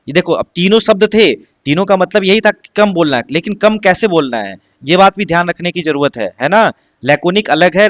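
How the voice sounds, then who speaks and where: A male teacher explains words for exam prep, often repeating himself and asking rhetorical questions. His voice sits a little high, and the recording is dry and somewhat dull. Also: a bit bright, no room sound. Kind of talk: exam-prep vocabulary lesson.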